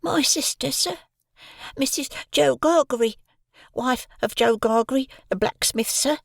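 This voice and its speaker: A man voicing a frightened small boy who pleads timidly and politely, in a very high falsetto. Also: a little slow, gravelly, no echo, studio quality, exaggerated voice.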